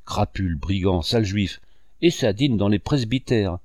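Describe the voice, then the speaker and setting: A man's voice: lowish voice, expressive, normal speed, darkish tone, no room sound, studio quality, close to an everyday voice. A man voicing a blustering, cursing wine salesman. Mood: ranting. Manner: blustering, swearing outbursts. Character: furious middle-aged male wine salesman.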